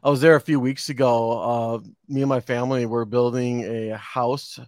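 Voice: medium pitch, steady tone, moderate pace, a little mellow, dry recording. A podcast host introducing a guest and chatting casually, with many fillers. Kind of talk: interview podcast hosting.

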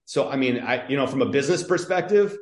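A man's voice: medium pitch, lively intonation, quick pace, reverberant. A man from northern Michigan, a podcast guest, telling stories in a chatty, casual way with many fillers and restarts. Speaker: podcast guest, public health entrepreneur. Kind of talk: casual conversational interview.

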